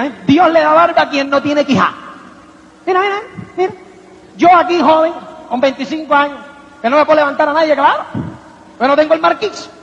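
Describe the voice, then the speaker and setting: A man giving a motivational seminar talk to an audience, rhetorical and animated, constantly asking if they follow him. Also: extremely high pitch, gravelly. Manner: rhetorical, keeps asking "¿me entiendes?"; acts out little quoted voices and anecdotes. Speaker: motivational speaker. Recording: echoey hall, dull lo-fi sound.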